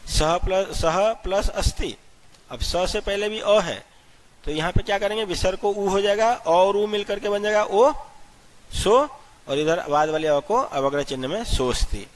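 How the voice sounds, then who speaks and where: A man teaching a grammar lesson step by step, asking questions and answering them himself, and spelling out letters slowly one at a time. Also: high-pitched. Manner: explains step by step, asks and answers his own questions. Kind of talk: classroom-style grammar lesson.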